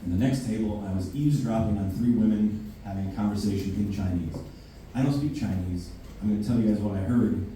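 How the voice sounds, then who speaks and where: Profane, ranting male stand-up with a dark, mellow voice, picked up from afar in a boomy basement. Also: fairly quick, hardly any pauses. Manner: profane, brash, ranting delivery. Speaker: stand-up comedian. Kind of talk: stand-up comedy set. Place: basement club room with a live audience. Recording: very echoey basement, mic far off, faint hiss.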